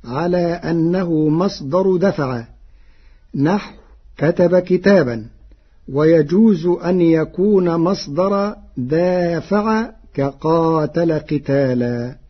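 A man teaching Quran reading variants in a measured, scholarly way, with an Egyptian accent, on a dull radio broadcast. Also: on the high side, slightly rough. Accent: Egyptian Arabic. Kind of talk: explaining Warsh reading variants.

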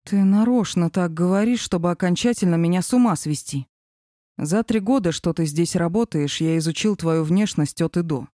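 A woman voicing a smug, teasing male boss in an audiobook, mocking and self-assured, in a dark, mellow voice. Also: fairly low pitch, moderate pace, no room sound, clean studio sound, close to an everyday voice. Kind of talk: audiobook character reading.

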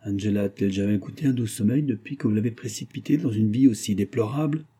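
A man reading aloud, voicing a vengeful, triumphant colonel with accusing, declamatory delivery in a husky, dark voice. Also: on the low side, fast talker.

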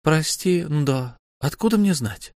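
Man voicing mocking young wife, sharp-tongued, teasing, defiant, dry studio sound. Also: a little high, lively intonation, slow pace, no echo, pitched above the performer's own voice.

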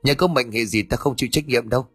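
A man's voice: mid-range voice, fast talker, husky, dry recording, faint music behind, lightly acted. A man reading the part of a blunt young male friend who speaks offhandedly. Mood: joshing.

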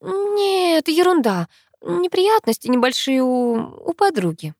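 A woman's voice: high voice, very animated, slow, darkish tone, no room sound, studio quality, voice pushed up, heavily acted. A woman voicing a sweet, cheerful, polite young woman with a sugary manner.

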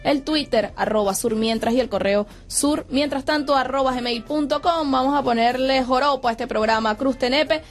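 A woman with a Venezuelan accent hosting a radio show, reading news and giving contact details in a brisk announcer's manner. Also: high-pitched.

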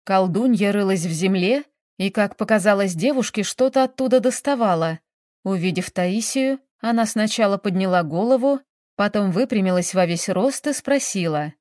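A woman reads a village tale aloud in a calm, even storytelling voice. Her pitch sits in the middle range, and the sound is dry and close to the mic. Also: moderate pace, no echo. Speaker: narrator. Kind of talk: audiobook storytelling.

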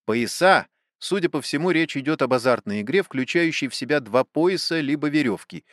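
A man's voice: on the high side, lively intonation, normal speed, fairly bright tone, dry recording, studio quality. Matter-of-fact male footnote reader. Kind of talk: explanatory narration.

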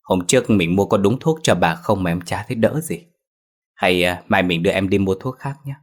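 A man voicing a gentle, caring young wife who speaks softly and pleads. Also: sits low, moderate pace. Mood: pleading. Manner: soft, pleading.

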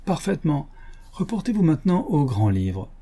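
A gruff, blustering poultry dealer, put on by a male reader, pitched a little high. The voice underneath is mellow and husky, with an audiobook reading manner. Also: big pitch swings, normal speed, exaggerated voice. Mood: brusque.

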